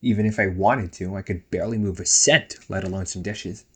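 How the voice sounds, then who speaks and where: In a casual, one-sided roleplay audio drama, a man plays a playful young ghost brother who nags, teases and chats in a bantering mood. His voice is low-pitched and a little fast, with a breathy edge.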